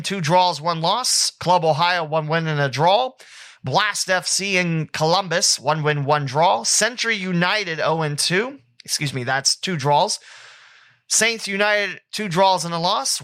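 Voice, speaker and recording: A man hosting a solo sports podcast, reading through teams and scores in a casual, rambling way with quick self-corrections. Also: sits high, sharp tone. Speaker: podcast host.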